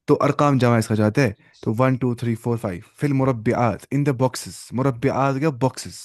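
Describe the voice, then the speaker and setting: A man's voice: medium pitch, a little mellow, no echo. Patient male Arabic teacher, dry sound. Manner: explains slowly, switching between Urdu, Arabic and English, often repeating words. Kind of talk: online class teaching.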